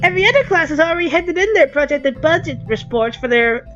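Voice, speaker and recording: A man's voice: extremely high pitch, brisk, sharp tone, lo-fi sound, soft background music, pitched above the performer's own voice. A man voicing a bubbly schoolgirl who relays a strict student council president's lectures in a bossy, emphatic way. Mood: scolding.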